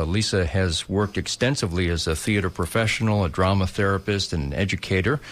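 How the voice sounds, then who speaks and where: A man hosting a radio interview, giving measured introductions with frequent "uh" fillers. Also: low-pitched. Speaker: radio host. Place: radio studio.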